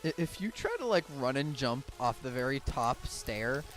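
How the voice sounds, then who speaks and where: A man's voice: mid-range voice, sing-song, moderate pace, a bit bright, soft background music. A man chatting casually while gaming, laughing often and hesitating a lot. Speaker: co-player.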